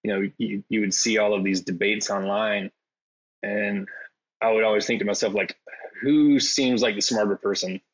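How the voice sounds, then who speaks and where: A man's voice: on the low side, fairly even intonation, normal speed, slightly rough, muffled recording. A man chatting as a podcast guest in a hesitant, self-deprecating way, full of fillers. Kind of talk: casual interview conversation.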